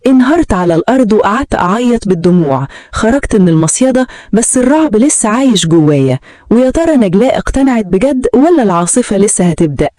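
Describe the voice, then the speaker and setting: A woman's voice: medium pitch, very animated, fast talker, dark tone, dry recording, studio quality. A woman with an Egyptian accent narrating a dramatic first-person story in a tense, urgent manner.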